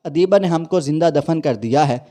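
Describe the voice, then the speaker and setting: Guy doing a worried mom, urgent and pleading, mellow voice. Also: on the high side, natural voice. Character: worried middle-aged mother, anxious.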